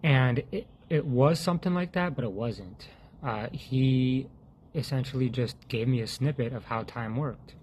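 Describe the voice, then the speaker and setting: A man giving an earnest, halting personal testimony about faith, often restarting his sentences and sinking to a hush when he quotes his prayers. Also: mid-range voice, a little hiss or hum. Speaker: faith vlogger sharing a testimony.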